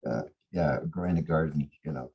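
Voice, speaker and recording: A man's voice: rumbling low, brisk, creaky, highs cut off. A man hosting a morning devotion call, easygoing and laughing lightly between thoughts as he chats over a video call. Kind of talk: casual group-sharing talk.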